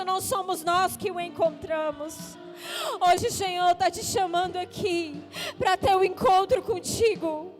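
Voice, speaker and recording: A woman pastor preaching a sermon with an altar call, impassioned, rising to shouts and tearful pleas. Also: very high voice. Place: church service.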